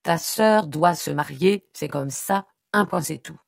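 A worried mother pleads softly and then insists curtly that the matter is settled, as a woman puts her on while reading an audiobook. Her voice is low and gravelly. It sounds dry and close. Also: measured pace, no room sound, full character voice. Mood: firm. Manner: pleading, then firm and curt. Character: anxious mother trying to calm her son.

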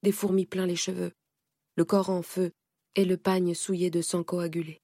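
Low, gravelly woman narrating an audiobook. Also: no echo, clean studio sound. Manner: measured, steady storytelling. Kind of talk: audiobook narration in first person.

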